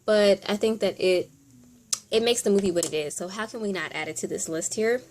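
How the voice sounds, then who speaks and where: A woman presents a top ten countdown as casual commentary. Her voice sits at an average pitch, and she talks informally, thinking aloud as she goes through her picks. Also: a little fast, darkish tone, slight background noise. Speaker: video host.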